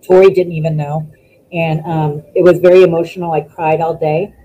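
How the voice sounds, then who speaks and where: A woman, a former wrestler, chatting as a guest over a video call, telling stories in an animated way and acting out what people said. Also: low-pitched, normal speed, muffled recording, a little hiss or hum. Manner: animated storytelling, acts out quotes. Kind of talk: casual interview chat.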